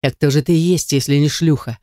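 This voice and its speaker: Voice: mid-range voice, fairly quick, darkish tone, no room sound, studio quality, natural voice. A reader voicing a contemptuous, violent young man who hisses and snarls through his teeth. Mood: menacing. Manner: hissing through teeth, aggressive.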